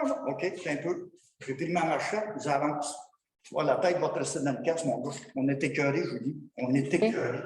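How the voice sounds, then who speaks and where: A man with a Québécois French accent speaks from the floor at a town council meeting, rambling and frustrated in a colloquial way. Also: on the high side. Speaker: citizen at council question period. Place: municipal council hall. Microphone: far from the microphone. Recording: echoey hall, distant mic, noise.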